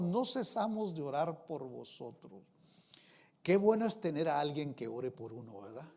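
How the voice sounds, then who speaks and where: A man's voice: high-pitched, darkish tone. A middle-aged male pastor preaching a sermon in a church, with emphatic rising phrases and constant asides to the congregation. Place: church sanctuary.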